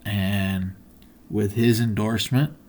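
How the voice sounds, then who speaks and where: A man's voice: lowish voice, steady tone, slow pace, a little mellow. A man hosting a podcast, telling a personal story in an earnest, motivational way, with many fillers and restarts. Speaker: podcast host.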